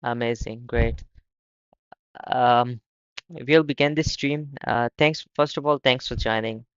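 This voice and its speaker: A young man from Pakistan hosting a casual live stream, talking haltingly and often repeating his words. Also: medium pitch, fairly even intonation, smooth, no echo, dull audio. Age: young adult. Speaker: livestream host.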